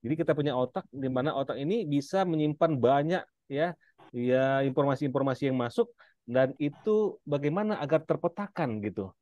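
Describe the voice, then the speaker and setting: A man's voice: mid-range voice, normal speed, darkish tone, dry recording, lo-fi sound. A man from Indonesia casually promoting an inheritance-law training course to a live audience. He addresses listeners directly and fills his talk with "nah" and hesitations.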